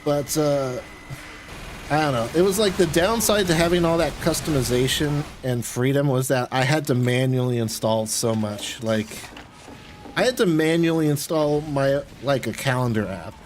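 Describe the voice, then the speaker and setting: This is casual gaming chatter from a man with a mid-range voice at an ordinary pace, talking in a meandering, offhand style. Game audio is clearly audible behind him.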